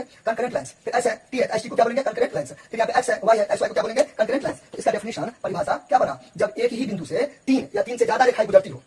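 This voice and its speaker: Male math tutor, high voice, rapid board explanation, faint room noise. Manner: quick, repetitive, checks in with the listener often. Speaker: math teacher.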